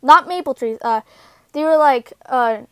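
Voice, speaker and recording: A young woman casually telling a personal story, halting with many fillers and restarts, recorded on a close home microphone. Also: high-pitched, fairly bright tone, smooth, no echo.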